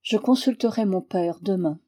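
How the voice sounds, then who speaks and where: A woman reading aloud as an earnest, awkward young man, measured and reserved. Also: medium pitch, warm tone, close to an everyday voice.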